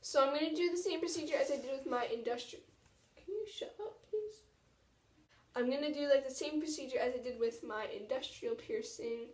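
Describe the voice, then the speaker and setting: A woman's voice: high voice, quick pace, hardly any pauses. A teenage woman chatting casually and self-deprecatingly to camera as a vlogger, in an informal way. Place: small tiled washroom at home, indoors. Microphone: camera propped about arm's length away. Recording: echoey bathroom, distant mic.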